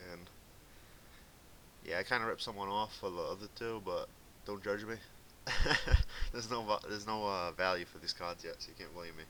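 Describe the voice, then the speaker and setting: With a light Boston accent, a young Massachusetts gaming commentator talks over his card game deck gameplay in a low, sharp-toned voice. He's laid-back, rambling and full of fillers. The audio is poor, a faintly hissy home recording.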